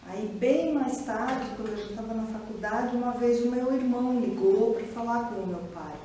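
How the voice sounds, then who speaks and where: A woman from Curitiba, Brazil, with a Brazilian Portuguese accent, giving a reflective personal testimony in an interview, pausing and restarting often. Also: on the high side, warm tone. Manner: reflective, hesitant, many pauses and restarts. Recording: echoey room, distant mic, faint ambient noise.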